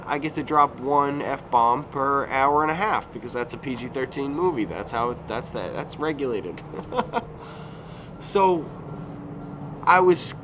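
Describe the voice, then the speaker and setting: Passing vehicles add noise to this outdoor recording at a resort recreation area, where a YouTuber in his thirties chats casually in a rambling vlog. His medium-pitched voice sounds a bit bright, and his talk is full of fillers and self-corrections.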